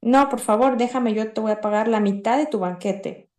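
An earnest man pleads again and again not to be shamed in front of everyone, a woman reading his lines. The tone is mellow and low-key. A roomy echo hangs around the voice. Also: moderate pace, lightly acted. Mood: pleading. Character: humiliated male guest, pleading not to be shamed.

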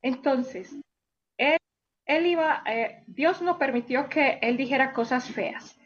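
A woman teacher telling a story to children, animated and exclamatory, asking them questions as she goes. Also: high-pitched, slow pace, muffled recording.

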